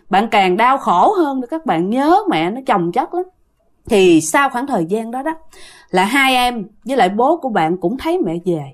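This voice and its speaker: A woman telling a ghost story in casual spoken style, talking straight to the listener with many fillers. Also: on the high side. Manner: addresses the listener directly, many fillers like "á" and "nha".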